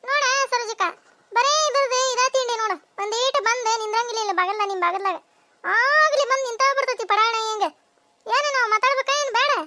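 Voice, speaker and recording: A voice actor playing bickering, nosy village women in a cartoon, with a North Karnataka Kannada accent and a sped-up, high-pitched voice. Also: pushed and bright, slight background noise. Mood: squabbling. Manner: shrill, scolding, quick back-and-forth banter. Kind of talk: cartoon voice acting.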